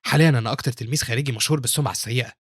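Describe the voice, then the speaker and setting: A scheming young disciple, sharp-tongued and defiant, reeled off at a breakneck clip, as a male narrator reads him out. The voice is husky and breathy, and it sounds dry and close. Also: mid-range voice, rapid-fire, no room sound, lightly acted. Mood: bitter.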